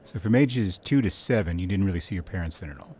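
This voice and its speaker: A man hosting an interview podcast, talking in a relaxed conversational way with frequent filler pauses. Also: deep voice, slight background noise. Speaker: podcast host.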